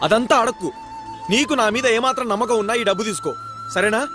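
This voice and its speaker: A man's voice: very high-pitched, quick pace. A man playing a fussy, emotional uncle in dubbed film dialogue. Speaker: uncle of the young couple. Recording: dubbed film audio with music behind.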